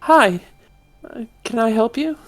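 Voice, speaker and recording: Man doing a tiny high-pitched pixie-like shopkeeper. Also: animated, takes it slowly, a bit bright, dry recording, faint music behind, exaggerated voice, rough recording. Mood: shy, helpful. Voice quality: little, thin, high falsetto voice. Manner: pixie-like, hesitant and polite. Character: small timid polite female pixie-like shopkeeper seamstress.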